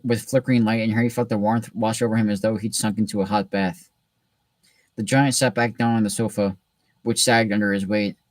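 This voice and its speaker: A man hosting a reading session and reading a story aloud in a relaxed way, with frequent restarts. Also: mid-range voice, no echo. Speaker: host reading a book aloud. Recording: distant mic in a dry room.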